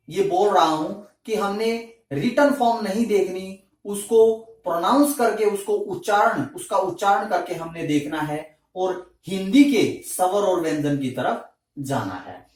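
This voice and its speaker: A male teacher explains grammar step by step, posing questions to his class and answering them himself. His pitch moves up and down a lot, and his delivery is unhurried. He sounds set back from the microphone in a very reverberant room. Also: expressive. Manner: slow, deliberate explaining. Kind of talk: classroom lesson in Hindi. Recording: echoey room, mic at a distance.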